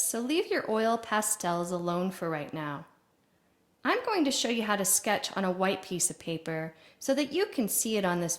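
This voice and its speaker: A woman teaching an art lesson to young children on video, playful and clear with sing-song greetings. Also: mid-range voice.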